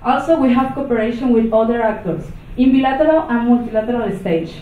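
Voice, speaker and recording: A Venezuelan woman whose first language isn't English gives an unscripted talk at a conference, speaking haltingly with many restarts and fillers in a fairly high voice. Her accent is noticeable, and the hall recording sounds echoey, distant and phone-like.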